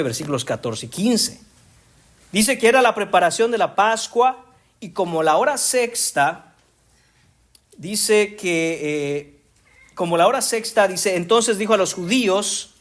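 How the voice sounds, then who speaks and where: A man preaching a sermon as a pastor, speaking emphatically and often addressing the congregation as brothers. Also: on the high side. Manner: emphatic, rising to strong stresses on key words.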